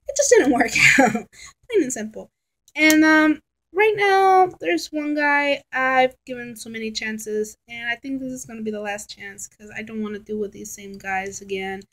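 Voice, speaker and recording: Thirty-year-old woman, fairly high voice, chatty rambling vlogger at a close laptop webcam in a bedroom. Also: measured pace, a bit bright, rough recording. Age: 30s. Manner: rambling, chatty, frank and exasperated. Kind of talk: casual rambling vlog. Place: bedroom at home, indoors. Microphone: laptop webcam at close range.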